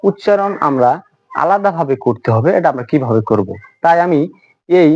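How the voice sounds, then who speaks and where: Bengali-speaking guy teaching the alphabet, slightly high voice, dead dry dull audio. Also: a little mellow, no echo. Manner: spells out letters one by one, mixing Bengali and English. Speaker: English teacher. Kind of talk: slow spoken-English lesson.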